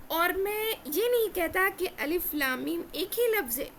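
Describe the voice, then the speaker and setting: High-voiced earnest woman teaching Quran recitation. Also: lively intonation, fairly bright tone, a little hiss or hum. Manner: earnest, repeats key phrases, slows for emphasis. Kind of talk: religious lesson.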